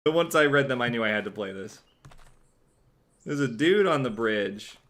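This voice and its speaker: Sarcastic, dry humor about the game runs through this male streamer's let's play commentary. He has a medium pitch, an animated manner, a moderate pace, and a fairly bright tone.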